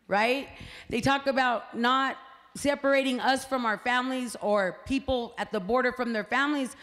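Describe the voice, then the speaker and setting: With a fairly high, slightly bright voice, a party representative speaks publicly to a crowd at a community meeting. She keeps it conversational, using frequent fillers and "right?" tags, while the meeting hall's reverb echoes around her.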